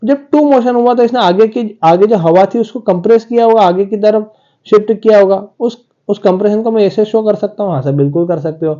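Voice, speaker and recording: A man's voice: high voice, steady tone, fairly quick, mellow, highs cut off. A male physics teacher, giving a classroom lecture and talking straight to his students, often voicing their questions himself. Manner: talks to students directly, acting out their questions.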